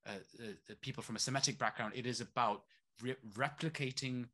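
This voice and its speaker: Speaking fast in a sharp, mid-range voice, a male activist guest keeps posing rhetorical questions during a conversational interview. He grew up splitting time between Saudi Arabia and East London and talks with real animation.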